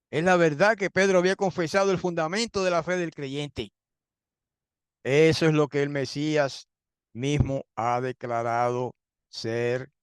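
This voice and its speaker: Male Bible teacher, fairly high voice, dry recording; insistent sermon delivery with rhetorical questions, repetition and throat clearing. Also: no echo. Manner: frequent throat clearing, rhetorical questions, repeats points for emphasis.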